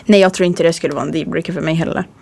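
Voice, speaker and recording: A woman's voice: deep voice, fairly even intonation, creaky, warm tone. A young woman from Norrland with a northern Swedish accent, co-hosting a student radio show in a laid-back way and trailing off into laughs. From Norrland, Sweden. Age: young adult. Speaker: radio co-host. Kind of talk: casual studio chat. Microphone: studio microphone.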